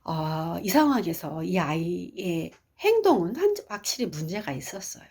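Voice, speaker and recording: Husky-voiced woman giving an expressive parenting lecture. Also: on the low side, normal speed. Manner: expressive storytelling, asks the audience questions.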